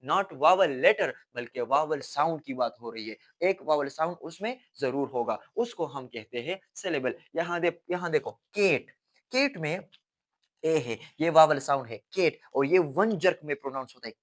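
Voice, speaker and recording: Young man, grammar teacher, higher-pitched voice, patient repetitive classroom explaining. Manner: explains slowly, mixes English terms into Hindi, repeats key words. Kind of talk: classroom lesson.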